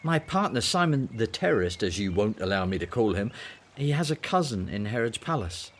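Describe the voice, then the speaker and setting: In a radio drama, an actor plays a breezy, flippant male disciple, speaking briskly and dismissively with theatrical relish for gossip. His voice is on the low side and sing-song, his mood blunt and gleeful.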